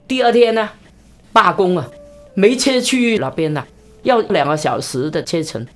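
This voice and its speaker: A woman evangelist telling a story in an interview, with a lively delivery, big pitch swings and quick, repeated phrases. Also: soft background music.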